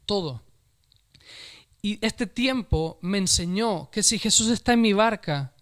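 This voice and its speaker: A man's voice: high voice, clear, resonant tone. A man preaching an online sermon and leading prayer, speaking earnestly. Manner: earnest, rising to fervent prayer. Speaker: pastor.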